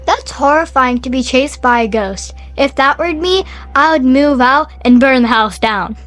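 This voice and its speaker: A woman's voice: high voice, unhurried, fairly bright tone, soft background music. A young woman co-hosting a casual podcast, chiming in with eager, skeptical reactions. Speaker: podcast co-host.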